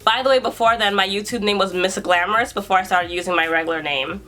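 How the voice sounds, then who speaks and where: A woman's voice: mid-range voice, fast talker, pushed and bright, soft background music. A woman in her twenties from New York, chatting casually through a Q and A vlog as a YouTuber and hairstylist, breezy and self-assured. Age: 20s.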